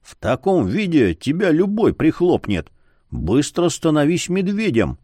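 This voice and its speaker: A man's voice: on the high side, huge pitch swings, measured pace, dark tone, no echo, studio quality, voice pushed up, heavily acted. A man playing a stubborn, blunt male mercenary in an audiobook.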